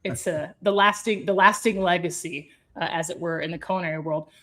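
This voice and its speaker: A woman's voice: fairly low pitch, steady tone, brisk, fairly bright tone. A woman hosts a food podcast in an upbeat, chatty tone. She asks friendly questions and reacts with open enthusiasm to what her guest tells her. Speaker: podcast host, chef. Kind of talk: casual interview chat.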